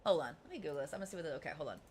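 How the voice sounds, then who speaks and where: A woman game streamer chatting casually with her live audience, giggly and animated, laughing often. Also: sits low, very fast, slightly rough.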